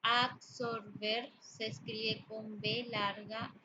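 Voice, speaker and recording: A woman teacher giving a spoken lesson on grammar and usage, explaining slowly with pauses and fillers. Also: on the high side, little pitch movement. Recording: dull lo-fi audio with background noise.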